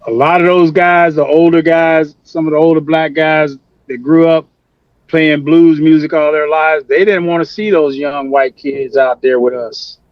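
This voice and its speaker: A man's voice: on the high side, fairly even intonation, moderate pace, dry recording. Plain-spoken man over a muffled video call. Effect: remote video call audio. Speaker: musician guest. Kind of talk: casual interview storytelling. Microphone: computer mic on a video call.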